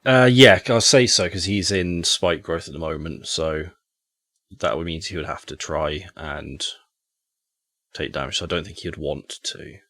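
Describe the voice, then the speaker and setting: A man's voice: low voice, measured pace, a bit bright, dry recording, studio quality. A man running a tabletop game as game master, easygoing and thinking aloud.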